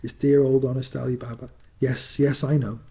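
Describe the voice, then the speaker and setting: An old miser of childlike feeling, acted out by a man, in storybook fireside storytelling. He exclaims and repeats himself in a mellow voice. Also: mid-range voice, flat delivery, moderate pace, lightly acted. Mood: excited. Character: old miser, childlike in excitement and wistful regret.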